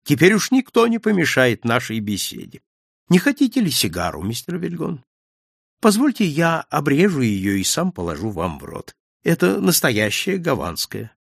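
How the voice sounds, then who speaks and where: A man voicing a sly male villain who speaks coolly and unhurriedly, with mocking calm. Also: a little high, vocal fry, breathy edge, no echo, studio quality, exaggerated voice. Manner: cool, unhurried, sneering. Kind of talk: audiobook character voice.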